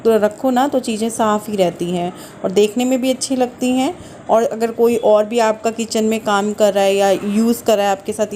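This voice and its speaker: A woman's voice: mid-range voice, darkish tone, slight background noise. A middle-aged woman from North India narrating a casual home vlog, chatting and explaining each step while she cooks. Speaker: vlogger. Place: home kitchen.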